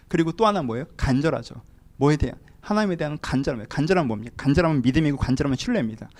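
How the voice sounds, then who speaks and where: Fast, high-voiced preacher man. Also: darkish tone. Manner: emphatic, asks the congregation rhetorical questions. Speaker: pastor. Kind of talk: sermon.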